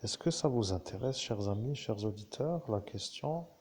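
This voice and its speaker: A man's voice: on the low side, animated, moderate pace, a little mellow, a little hiss or hum. A man giving a rambling spiritual monologue to his listeners, digressive and full of asides and self-corrections. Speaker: spiritual speaker addressing listeners.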